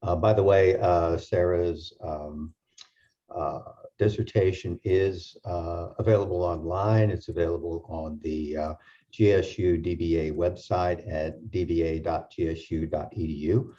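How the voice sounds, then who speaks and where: A man moderating a panel discussion, halting with many fillers and restarts. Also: deep voice, steady tone, mellow. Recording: dull lo-fi sound.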